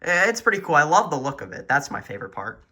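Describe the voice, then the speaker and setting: A fast, sing-song delivery marks this man's highish, pushed and bright voice. He is a hobbyist eagerly walking through his weather radio collection at home in a chatty show-and-tell, filmed on a handheld camera with himself off screen. There's faint background noise along with button clicks.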